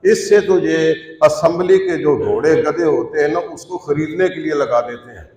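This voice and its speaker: Emphatic preacher in an echoing hall. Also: male voice, fairly high pitch. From Pakistan. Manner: instructive, rising emphatic peaks on key points. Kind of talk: Friday sermon. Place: large mosque prayer hall. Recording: echoey mosque hall from far off.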